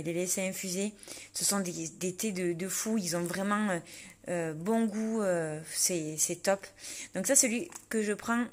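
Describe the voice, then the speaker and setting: A woman chatting casually to camera about her day, relaxed and full of fillers. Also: lowish voice. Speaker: vlogger preparing for a fitness competition. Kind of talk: casual vlog narration.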